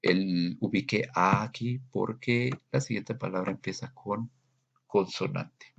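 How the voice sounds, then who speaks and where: A man teaching English grammar in a recorded lesson, slowly and patiently explaining and repeating examples. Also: sits low, vocal fry, highs cut off.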